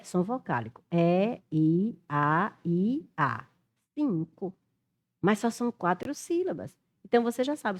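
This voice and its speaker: A woman's voice: medium pitch, darkish tone. A middle-aged Brazilian woman teaching Portuguese for an exam, thinking aloud and spelling letters out as she works through questions. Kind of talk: exam-prep lesson, working through questions.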